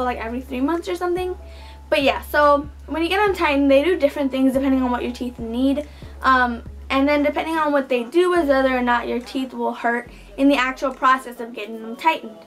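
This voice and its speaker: A teenage or young adult woman with a high, slightly bright voice chats casually to the camera as a vlogger. She is indoors in a small bedroom.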